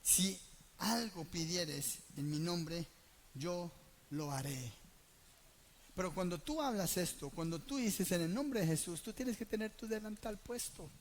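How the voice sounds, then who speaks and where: Male preacher, high voice, lively storytelling sermon at a church. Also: a little slow, a little hiss or hum. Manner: animated, asks the congregation questions and acts out dialogue. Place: church gathering.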